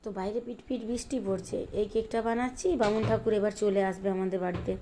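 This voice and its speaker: A middle-aged woman from Bengal chatting in a rambling way while she bakes in her home kitchen, sometimes speaking softly. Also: mid-range voice, steady tone, fairly quick, faint music behind. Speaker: home cooking vlogger. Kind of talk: casual chat while baking. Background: fan hum and rain outside.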